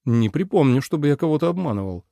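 A man's voice: fairly high pitch, animated, fast, vocal fry, dark tone, no room sound, studio quality, voice pushed up. A man voicing a proud, defiant young nobleman who speaks curtly and mockingly in a storybook reading. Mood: cold. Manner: curt, mocking.

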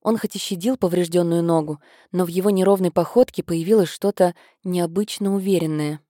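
A woman narrating an audiobook in a measured, steady reading. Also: on the low side, no room sound, clean studio sound. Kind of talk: scripted narration.

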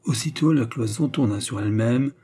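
A man narrating an audiobook in an even, measured reading. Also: mid-range voice, husky.

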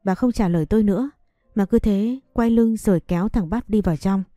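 A woman narrating a first-person story in a soft, earnest manner. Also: medium pitch, brisk, no room sound, clean studio sound, soft background music.

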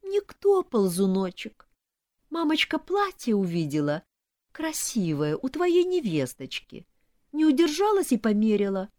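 A woman's voice: medium pitch, wildly swooping pitch, takes it slowly, a little mellow, dry recording, clean studio sound, pitched above the performer's own voice, full character voice. Woman doing a whiny jealous snake mother. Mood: sobbing complaint. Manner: whiny, self-pitying.

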